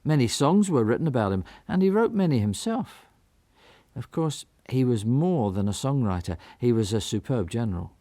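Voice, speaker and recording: A man telling a radio drama story in first person, reflective and lightly wry. His voice is dark and mellow, recorded dry and close, with expressive rises and falls. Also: mid-range voice, moderate pace, no echo. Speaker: narrator.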